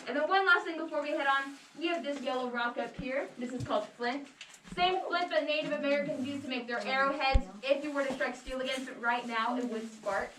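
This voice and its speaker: A woman's voice: high voice, a little fast. A woman working as a tour guide, talking casually and jokingly to a group inside an echoing cave. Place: underground cave room. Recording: echoey cave, distant mic, clear background noise.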